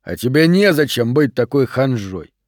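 A man voicing a rude, aggressive teenage boy who snarls and shouts insults in an audiobook. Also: mid-range voice, sing-song, moderate pace, dry recording, clean studio sound, natural voice. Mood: sneering.

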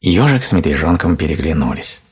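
A man narrates a gentle fairy tale in a very low, deep voice. His tone is husky and breathy rather than clear. He reads slowly and calmly, like a bedtime story. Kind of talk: calm storybook reading.

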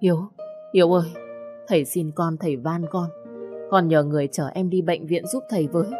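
A woman's voice: lowish voice, brisk, mellow, faint music behind, lightly acted. A woman voicing a desperate poor old father who begs through tears with a trembling voice. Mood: pleading. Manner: trembling, sobbing, begging.

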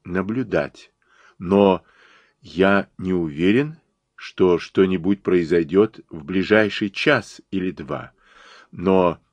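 A man reading an audiobook, voicing a fastidious elderly male detective who speaks in clipped, low, urgent phrases. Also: no echo. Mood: curt.

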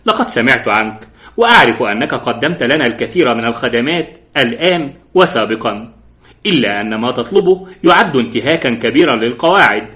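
A man's voice: medium pitch, sing-song, a little fast, pushed and bright. A man voicing a cautious, rule-bound male police inspector who raises respectful objections. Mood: doubtful.

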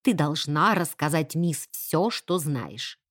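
A woman reading an audiobook voices a sensible woman servant who scolds firmly in a lowered voice. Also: lively intonation, a little slow, dark tone, husky, no room sound, studio quality. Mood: stern.

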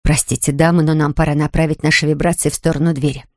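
A woman reading an audiobook, voicing a brisk, sharp-tongued cousin who speaks in a low, curt way. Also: level tone, dry recording, studio quality, lightly acted. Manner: low curt hurried talk.

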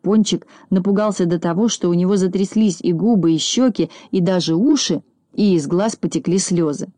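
A woman reading a children's story aloud in a calm, even storytelling voice. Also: lowish voice, moderate pace, no room sound. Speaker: reader.

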